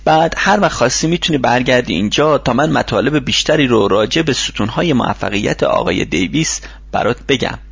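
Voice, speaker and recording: Kind older mentor guy, man voicing him, patient advice, lively up and down, husky, dry. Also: mid-range voice, no room sound, dull audio, exaggerated voice. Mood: advising. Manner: patient, advising tone. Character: kindly older male workshop mentor.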